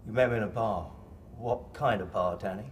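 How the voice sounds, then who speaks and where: An actor playing a protective, reproachful family friend with a questioning manner in a film drama. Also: male voice, fairly low pitch, a little fast, natural voice. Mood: reproachful, suspicious. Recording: distant, echoey, noisy location sound.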